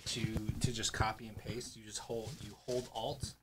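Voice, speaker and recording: A man in the band chatting casually while writing a song on a livestream, relaxed and halting, laughing often. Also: on the low side, very noisy. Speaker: band member.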